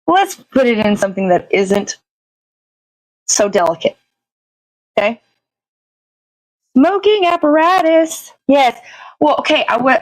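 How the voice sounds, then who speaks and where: This woman hosts a casual livestream, rambling from topic to topic, often hunting for words and swearing offhandedly. Her voice is a little high, and the poor audio has no echo.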